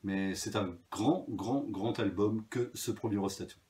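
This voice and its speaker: A man's voice: on the low side, a little slow, a little mellow. A man presenting his vinyl records in a casual video, talking freely with many hesitations and fillers. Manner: chatty, hesitant with frequent fillers.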